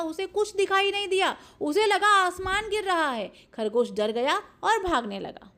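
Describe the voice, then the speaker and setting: Woman teacher, high-pitched, animated storyteller reading a lesson to kids. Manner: lively animated storytelling, retelling each part twice.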